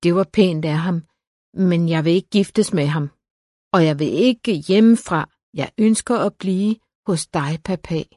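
A woman's voice: on the low side, darkish tone, dry recording, studio quality, close to an everyday voice. A woman narrator voicing a tearful, childlike young noble daughter who pleads in a trembling voice. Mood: shaky.

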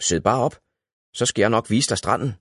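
A man's voice: lowish voice, fairly bright tone, husky, no echo, clean studio sound, pitched above the performer's own voice. A man voicing a cheerful young female pig in a children's storybook, eager and chatty.

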